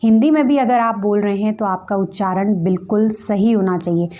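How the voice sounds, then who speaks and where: A woman's voice: mid-range voice, moderate pace, mellow. A woman giving a conversational lesson on poetry, patiently explaining and repeating words to show how they should be pronounced. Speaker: ghazal and poetry teacher.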